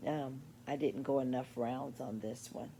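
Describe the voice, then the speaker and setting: A woman in her sixties showing her crochet work in a casual vlog at home late at night, sleepy and meandering, with many pauses and ums. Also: rumbling low, steady tone, creaky, mellow, slight background noise. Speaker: crochet vlogger. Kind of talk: casual show-and-tell vlog.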